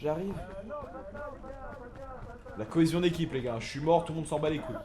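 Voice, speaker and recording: A man's voice: fairly high pitch, a little fast, noisy background. A man streaming a game with friends, brash, crude and joking. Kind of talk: live-stream gaming banter.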